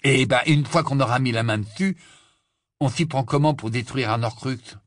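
A man voicing a blunt, impatient teenage boy wizard who talks in loud exclamations. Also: mid-range voice, moderate pace, no room sound, clean studio sound, pitched above the performer's own voice, close to an everyday voice.

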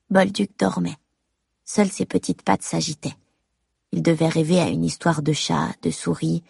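Woman reading a story in first person, really gravelly and husky, measured and intimate, dry close mic. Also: on the low side, darkish tone, no room sound. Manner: measured, intimate, addressing the mother. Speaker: audiobook narrator. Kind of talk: first-person audiobook narration.

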